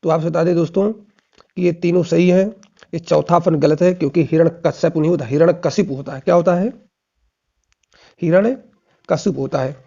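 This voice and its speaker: Man, exam-prep teacher, gravelly dark voice, repeats answers as drills, dull lo-fi recording. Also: a little high, fairly even intonation, fast talker. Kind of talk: casual spoken lesson.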